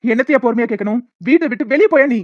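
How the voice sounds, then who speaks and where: A woman's voice: fairly high pitch, brisk, no echo, natural voice. A woman voicing a young husband in a cartoon who hurls angry accusations, in a dry, dull lo-fi recording. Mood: furious. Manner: shouting accusations. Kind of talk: amateur cartoon voice acting.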